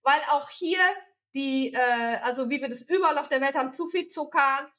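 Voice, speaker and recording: Woman from Germany, high pitch, charity founder, casual interview talk, lots of fillers. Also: normal speed, a bit bright. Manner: explains with many fillers and restarts.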